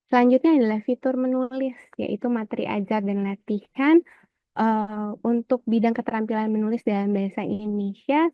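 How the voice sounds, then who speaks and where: A woman presents a teaching e-book in a webinar, filling her pauses with "eh" and wrapping up each point with "begitu". Her voice comes through muffled, with a dull, narrow band, and the room sounds dry and close. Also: on the high side, no room sound. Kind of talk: explaining an e-book walkthrough.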